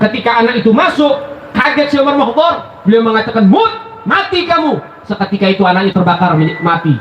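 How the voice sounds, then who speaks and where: A high-pitched man delivers an animated storytelling sermon, calling out to his listeners as brothers. His voice rings through an echoey hall, captured on a dull, muffled recording with a faint hiss behind it. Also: quick pace. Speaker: preacher.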